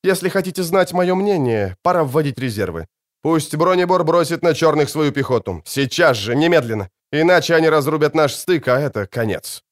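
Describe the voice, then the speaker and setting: A man voicing a calm, commanding male king who speaks quietly but clearly. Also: a little high, normal speed, natural voice. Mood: firm.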